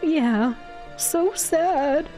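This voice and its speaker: Female game streamer, theatrical dialogue read, slow and lively in pitch, music underneath. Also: low-quality recording. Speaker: game streamer voicing characters. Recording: music behind the voice.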